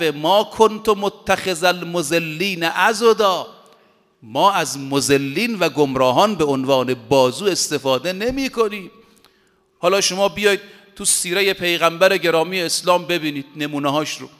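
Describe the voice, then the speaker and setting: A male preacher delivering a sermon with emphatic conviction, drawing out his Arabic quotations word by word. His voice sits high and sounds bright and forceful. The sound rings with a long reverb, as if from a large hall. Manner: emphatic, recites Arabic quotations slowly and deliberately.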